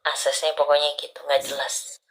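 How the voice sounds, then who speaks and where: A woman's voice: deep voice, completely flat delivery, moderate pace, low-quality recording. A woman doing palm readings for a caller on a live stream, talking intimately and often dropping to a whisper. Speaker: palm reader.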